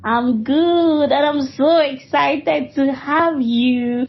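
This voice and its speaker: Excited, husky woman podcast host. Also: fairly high pitch, lo-fi sound. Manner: bubbly and excited, laughing between phrases. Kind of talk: podcast interview. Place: Nigeria.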